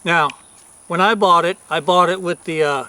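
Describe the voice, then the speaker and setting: A man's voice: high-pitched, normal speed, pushed and bright, smooth. A man giving a casual, plain-spoken video review as a rancher, recorded outdoors.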